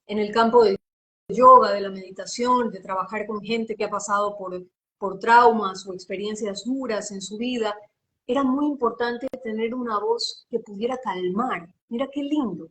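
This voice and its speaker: A woman from Ecuador with a Guayaquil accent, a voice and diction coach explaining in an animated, teacherly way during a live interview. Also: mid-range voice, moderate pace, a little hiss or hum. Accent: Guayaquil Spanish. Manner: animated, expressive, teacherly, asks rhetorical questions.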